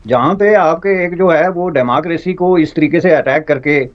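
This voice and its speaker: A man panelist on a TV debate, speaking in a formal, measured way. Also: a little high. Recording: dull lo-fi audio.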